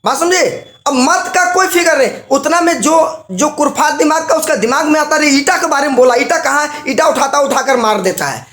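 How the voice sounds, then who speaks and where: A man's voice: very high voice, a little fast, hardly any pauses, fairly bright tone, roomy sound. A man giving a live motivational seminar talk, quizzing the audience with rhetorical questions and telling stories with acted-out examples. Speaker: motivational business trainer.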